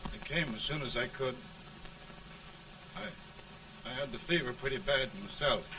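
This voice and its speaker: A man's voice: medium pitch, moderate pace, recorded from a distance. An earnest young frontier man on a hissy early talkie soundtrack. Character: young frontier man at his dying sweetheart's bedside. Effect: hissy early talkie film recording. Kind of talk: 1930s film acting.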